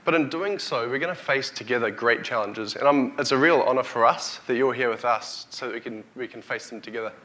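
Man, thirties, New Zealand accent, bright forceful tone, mid pitch, conference keynote speaker. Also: a little fast, few pauses. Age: 30s. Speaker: company CEO, conference speaker. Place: hotel conference hall, on stage before an audience. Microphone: lapel or headset mic.

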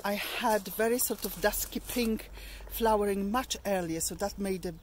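A woman's voice: medium pitch, normal speed, slight background noise. A middle-aged woman giving a casual walking tour of her allotment garden outdoors, chatting in a meandering way with plenty of ums and restarts.

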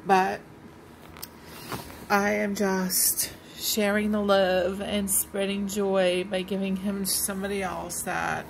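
A woman's voice: medium pitch, little pitch movement, takes it slowly, vocal fry, a little hiss or hum, rough recording. A woman fostering a kitten, chatting casually to it on a phone camera at home, swearing freely and cooing at it. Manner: swears casually, coos and sings silly songs to the kitten. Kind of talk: casual vlog chat to a pet.

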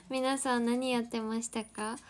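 A young woman with a high voice talks at an easy, leisurely pace. She chats casually with her stream viewers from her family home. She keeps softly coaxing her dogs to settle down. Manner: chatty, reads out viewer comments and coos softly at her dogs. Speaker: livestream host. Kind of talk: casual livestream chat.

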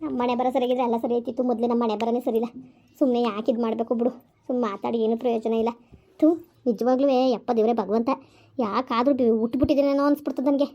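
A woman's voice: fairly high pitch, fairly even intonation, warm tone. A woman playing an indignant young wife. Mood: hurt. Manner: rapid, complaining, indignant. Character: young wife fighting with husband over mothers. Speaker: wife in a family skit. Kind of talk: village comedy skit acting. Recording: slightly dull lo-fi recording.

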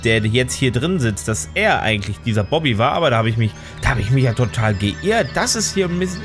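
A man doing casual let's play commentary, often stammering and reacting in short exclamations. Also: medium pitch. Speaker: let's player. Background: game music.

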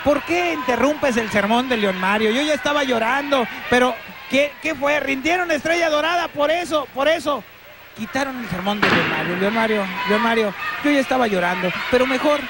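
A man banters excitedly on wrestling commentary. His voice is extremely high for a man, with clear arena noise behind it. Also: normal speed. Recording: noisy arena broadcast.

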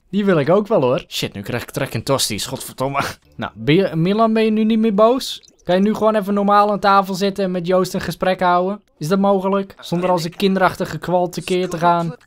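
A man hosting a let's play video, reacting excitably to the game with swearing and laughter. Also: high voice. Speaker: gaming video host.

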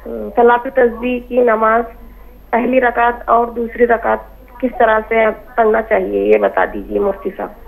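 Gravelly woman caller on the phone. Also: a little high, flat delivery, measured pace. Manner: formal, orderly listing of questions. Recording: tinny, gravelly phone line.

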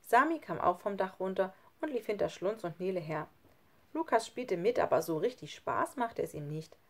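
Eine Frau, die ein Kinderhörbuch ausdrucksvoll vorliest. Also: female voice, medium pitch, normal speed. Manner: expressive storytelling. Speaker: audiobook reader. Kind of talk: children's audiobook narration.

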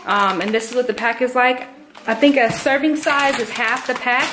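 Speaking at a normal speed in a slightly high voice, this vlogger walks viewers through a recipe in her home kitchen. She's a young woman in her twenties, recorded close up on a handheld camera, and there's background noise.

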